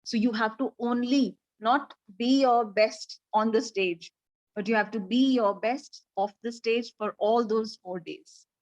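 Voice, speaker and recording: A woman's voice: extremely slow, dull audio. A woman with an Indian accent coaching pageant finalists over a video call, projecting her voice energetically and mixing English and Hindi as she directs them. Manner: energetic, projected voice pitched above her normal talk; mixes English and Hindi, coaxing and directing the class. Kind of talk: live online coaching session.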